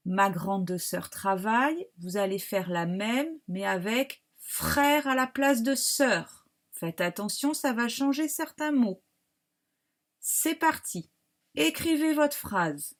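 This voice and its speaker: A woman teacher with a French accent giving a slow, careful dictation lesson to young pupils, spelling words out. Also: fairly high pitch, sing-song. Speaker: primary school teacher.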